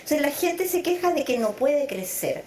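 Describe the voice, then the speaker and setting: A middle-aged psychologist from Chile who was raised in Venezuela speaks thoughtfully as an interview guest, stretching words for emphasis. Her voice is high and sing-song, a little mellow, at a moderate pace. The room is echoey, with a bit of hiss or hum.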